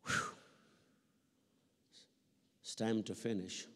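Fairly low and flat, the voice moves very slowly as a middle-aged Kenyan pastor preaches into a handheld microphone. His sermon relies on emphatic repetition and on questions posed to the listeners in call-and-response fashion. It is picked up through a reverberant PA inside a large church hall.

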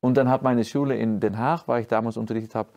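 A man in his forties from Friesland with a Dutch accent, a trombone professor answering interview questions in German with many restarts and fillers, in a dark studio. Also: medium pitch, steady tone, fast talker, muffled recording. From Friesland, Netherlands. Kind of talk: interview conversation. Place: dark studio stage, indoors.

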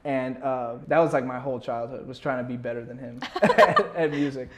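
A young musician talks casually as an interview guest, rambling in a slangy way and dropping "like" throughout. His mid-range voice has fairly even intonation and runs a little fast, recorded on a clip-on lapel mic in a small furnished room with a lot of noise.

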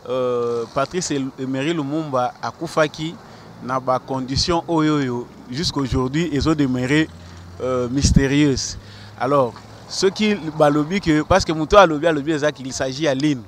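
A Congolese man in his thirties from the DRC answers a street interview on a busy city square, blending French and Lingala in a medium-pitched voice at normal speed. He argues earnestly, stammers over repeated words, and gestures with his hand. The interviewer holds out a handheld mic, catching faint street noise and distant traffic.

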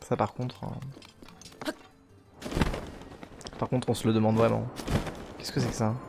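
A man's voice: medium pitch, level tone, slow, creaky. A man in his twenties giving casual, rambling, playful commentary as he hosts a video game playthrough. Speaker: let's play host. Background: game music.

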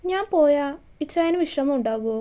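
Storybook reading: a woman playing a shy, sweet young wife with a high, soft voice. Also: lively intonation, moderate pace. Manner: pleading, shy.

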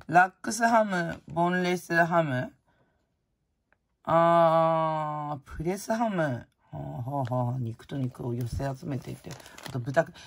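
A woman's voice: fairly low pitch, a little hiss or hum. A woman vlogger chatting casually and frankly as she opens prizes, rambling from topic to topic. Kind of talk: casual chat while opening prizes.

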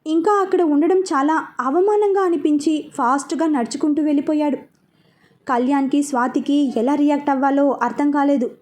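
Brief: woman narrator for a serial story, high voice, steady and even. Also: normal speed.

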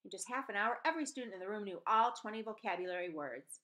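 A woman in her forties talks fast in a medium pitch while reading a novel with lively storybook expression. Stumbles crop up occasionally and she corrects them. Her setup is a computer webcam mic at desk distance in a small room at home.

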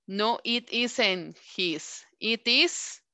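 Bright, slow-paced woman teacher. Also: on the high side, lively intonation, no room sound. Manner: slow, drawn-out word modelling and repeated questions. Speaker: English teacher. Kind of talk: online class instruction.

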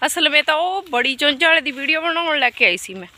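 An adult woman, a mother, vlogs outdoors on a farm, chatting to the camera and her family during chores. She has a rural Punjabi accent and a homely, exclamatory, grumbling village manner. Her high-pitched voice is fast and sharp, with lively intonation.

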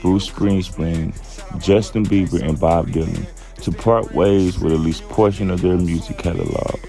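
This is casual commentary from a channel host who reads out a news article and adds his opinions. He sounds relaxed and easygoing, drawling slowly and filling gaps with verbal fillers. His voice is very low and rough, over faint music.

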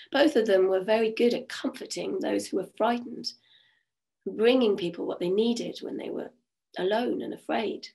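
A woman storyteller with a croaky voice, telling a folk tale in a rhythmic, repetitive and soothing way at an online event. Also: medium pitch, darkish tone.

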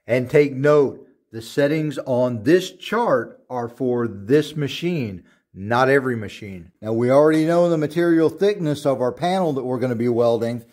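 A man in his thirties giving a step-by-step welding tutorial in a home auto shop, speaking in a slow, deliberate, instructive way. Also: mid-range voice, lively intonation, darkish tone.

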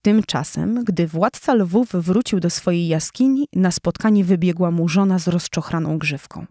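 A woman narrating a children's audiobook in a clear, even storytelling voice. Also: fairly low pitch, normal speed, no echo, studio quality.

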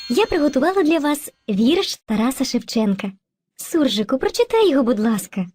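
A woman voices Movka, a kind female spirit of language in an educational cartoon, teaching and narrating patiently while addressing children fondly and with gentle instruction. Her voice sits high, swings widely in pitch, and moves a little fast.

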